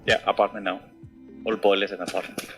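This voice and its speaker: Male teammate, lowish voice, urgent callouts and ribbing, loud music under. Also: flat delivery, quick pace. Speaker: teammate on voice chat.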